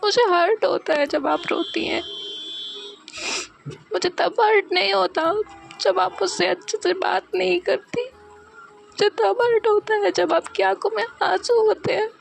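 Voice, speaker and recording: A woman voicing a gentle young daughter who pleads through tears, her voice choked and pleading. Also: very high-pitched, measured pace, vocal fry, faint music behind, pitched above the performer's own voice, full character voice. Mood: tearful pleading.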